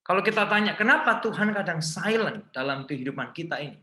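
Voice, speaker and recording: A man with an Indonesian accent preaching a sermon as a pastor, mixing in English phrases and swinging from loud emphasis to hushed lines. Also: sits high, lively intonation, fairly quick. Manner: switches often between Indonesian and English phrases. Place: large church hall. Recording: echoey church hall.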